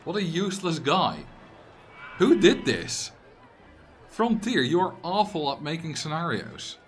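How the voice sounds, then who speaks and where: Slow-paced and sing-song, this slightly high voice belongs to a young Dutch-accented livestreamer from the Netherlands, a native Dutch speaker, with slight background noise. He casually comments on a game, reads chat aloud, jokes with viewers and sometimes breaks into loud, exasperated rants.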